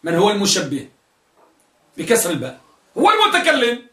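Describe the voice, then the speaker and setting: A man's voice: high-pitched, huge pitch swings, fairly quick, pushed and bright. A male teacher giving a classroom lesson, questioning students and drilling their answers. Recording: echoey room, mic at a distance.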